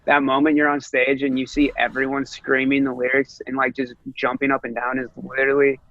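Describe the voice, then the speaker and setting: A man's voice: mid-range voice, monotone, fairly quick, no echo, lo-fi sound. A man in his late twenties, a guest musician chatting casually on a podcast, rambling with lots of fillers and swearing freely. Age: 20s.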